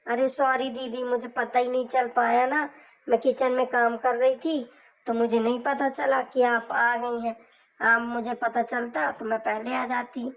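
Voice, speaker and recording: A woman's voice: fairly high pitch, little pitch movement, measured pace, rough recording. A woman doing a meek, apologetic young daughter-in-law. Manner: apologetic, polite. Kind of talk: homemade family drama skit.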